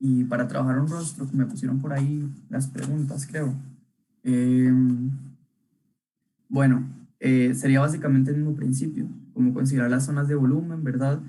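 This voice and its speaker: A young man leads a live online drawing class in a mellow, slightly husky voice. He talks casually as he works, filling pauses with "um" and asking short checking questions, and his voice drifts on and off the webcam mic. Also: medium pitch, fairly even intonation, poor audio. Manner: casual, thinking aloud, many tag questions and fillers. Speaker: illustration workshop teacher.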